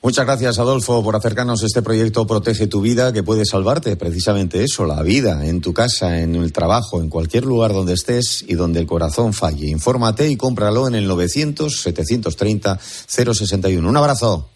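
A man's voice: lowish voice, a little fast, darkish tone, husky. A man hosting a radio interview in a polished presenter manner. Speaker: radio host.

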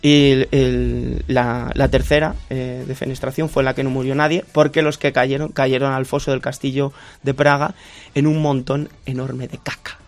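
A man's voice: mid-range voice, level tone, moderate pace. A man with a Spanish accent, a guest on a comedic live show, telling playful stories about his year abroad. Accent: Spanish from Spain. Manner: storytelling, playful, mock-sings snatches of songs. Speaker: guest presenting a country segment.

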